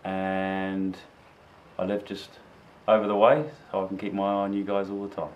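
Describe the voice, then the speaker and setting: Unhurried male teacher, lowish voice. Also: level tone, highs cut off. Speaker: English teacher and boarding-house master. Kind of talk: casual interview.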